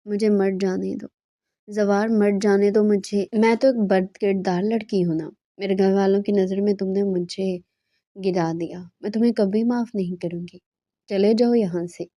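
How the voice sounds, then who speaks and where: A desperate young woman, voiced by a woman storyteller begs and pleads to be believed. The tone is soft and mellow. The sound is dry and close. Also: medium pitch, steady tone, dry recording, lightly acted. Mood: pleading. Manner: pleading, begging.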